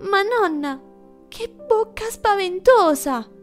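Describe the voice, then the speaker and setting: A woman's voice: high-pitched, very animated, measured pace, pitched above the performer's own voice. A woman voicing a sweet, cheerful little girl in a storybook reading, over faint music. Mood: wondering. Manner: bright, eager, childlike.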